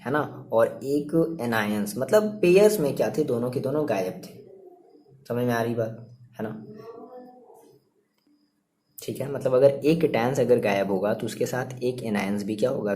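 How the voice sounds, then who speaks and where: A man's voice: medium pitch, mellow. A young man teaching an online chemistry lesson in a chatty way, asking and answering his own questions and repeating points. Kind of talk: online class lecture.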